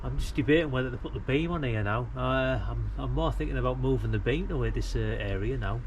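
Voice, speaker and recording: A middle-aged amateur radio hobbyist chats a little fast in a mid-pitched voice while demonstrating DIY for a vlog beside a brick house wall. He thinks aloud, rambling in a laid-back, colloquial way. Noticeable ambient traffic noise fills the outdoor recording.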